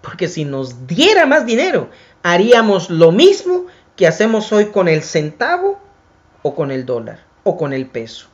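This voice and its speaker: A man preaching a sermon, addressing his listeners as brothers, rising to emphatic lines and then dropping to hushed, drawn-out phrases. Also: sits high, huge pitch swings, dull audio. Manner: dramatic preaching that swings from raised, emphatic lines to hushed near-whispers; addresses listeners as brothers and builds long repeated lists. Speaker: preacher and program host.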